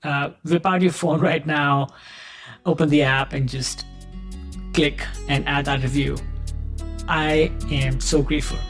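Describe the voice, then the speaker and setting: Over soft background music, a podcast host with a fairly high, slightly bright voice reads an earnest scripted introduction, then asks his guest questions encouragingly. He keeps a steady tone and measured pace, pauses often, and addresses listeners as friends.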